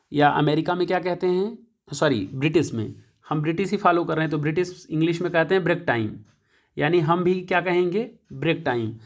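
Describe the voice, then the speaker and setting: A man teaching an English lesson, explaining each point again and again, often pausing to check and correcting himself. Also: fairly high pitch. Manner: repetitive, checks with "ठीक है" often; self-correcting, thinking aloud. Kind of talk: classroom-style lesson.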